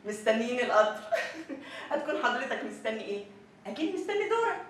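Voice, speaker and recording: An eccentric, giggly woman patient in a TV comedy, very high-pitched and quick. Distant, echoey sound. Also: big pitch swings, a little hiss or hum. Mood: giggly odd. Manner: giggly, odd. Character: eccentric woman patient in a clinic waiting room.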